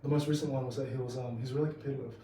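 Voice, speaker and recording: Male podcast interviewer, New Zealand accent, soft dark tone, informal and matey, off the mic with slight noise. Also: mid-range voice, fairly even intonation, rapid-fire. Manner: informal, matey, often saying bro. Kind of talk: casual interview chat. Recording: roomy echo, distant mic, faint noise.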